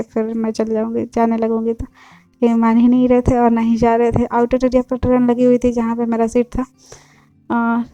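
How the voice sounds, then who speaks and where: A woman's voice: on the high side, mellow, no room sound, poor audio. Young female vlogger from Bihar, chatty and rambling, dry close sound, faint music underneath. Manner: chatty, repetitive, filler-heavy. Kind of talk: casual vlog narration.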